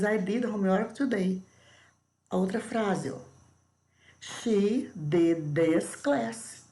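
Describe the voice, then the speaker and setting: A middle-aged Brazilian woman teaching English in a remote video lesson, explaining patiently and repeating words slowly. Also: on the low side, dark tone. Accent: Brazilian Portuguese.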